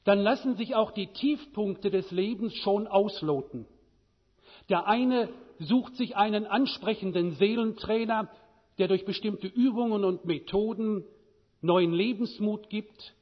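A man preaching a sermon, with a measured delivery and many rhetorical questions. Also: high-pitched, big-room sound, lo-fi sound.

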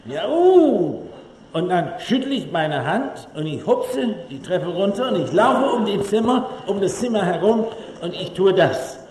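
A man giving a public lecture to an audience, telling humorous anecdotes in an animated way. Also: high voice, moderate pace, few pauses, a little hiss or hum. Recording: echoey hall, faint room ambience.

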